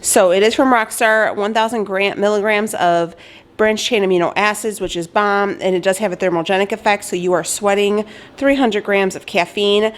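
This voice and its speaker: A woman's voice: mid-range voice, fairly even intonation, moderate pace. A young woman vlogger chatting loosely as she cooks in her home kitchen, filling her talk with "like" and "um", recorded by a camera on a tripod. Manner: chatty, loose, lots of fillers. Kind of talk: casual chat while cooking.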